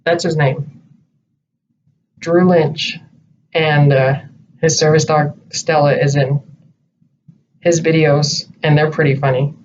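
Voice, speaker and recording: A man's voice: a little high, level tone, unhurried. A man chatting casually as co-host, rambling and hesitant as he thinks aloud. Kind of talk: casual chat. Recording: distant muffled home recording with light hiss.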